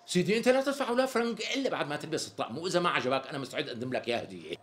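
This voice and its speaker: A man playing a smooth-talking tailor who flatters and dodges the price, speaking with a Syrian accent in a TV sketch comedy. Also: fairly high pitch, very fast. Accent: Syrian Arabic. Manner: chatty, flowery, laughing salesman patter.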